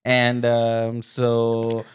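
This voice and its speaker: A man's voice: mid-range voice, completely flat delivery, drawn-out words, clean tone. A man hosting a podcast interview, asking questions and giving lots of short encouraging replies. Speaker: podcast host. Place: podcast studio room.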